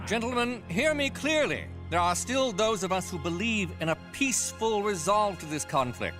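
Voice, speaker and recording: High-voiced, pompous colonial senator. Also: male voice, animated, moderate pace, bright, forceful tone. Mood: stern, impassioned. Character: pompous, stern colonial delegate pleading against war. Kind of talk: animated history cartoon acting. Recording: music behind the voice.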